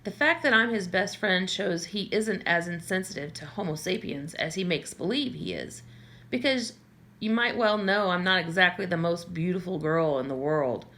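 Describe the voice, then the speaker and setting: Expressive and a bit bright, a woman's lowish voice moves at a moderate pace as she reads a first-person novel for an audiobook. Her delivery is conversational, with occasional small stumbles she corrects as she goes.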